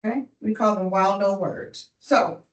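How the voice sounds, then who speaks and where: A woman's voice: mid-range voice, unhurried, echoey room, far from the mic, rough recording. A woman tutoring a student in phonics, patient and encouraging, often checking in with "right?". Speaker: reading tutor. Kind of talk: one-on-one phonics lesson.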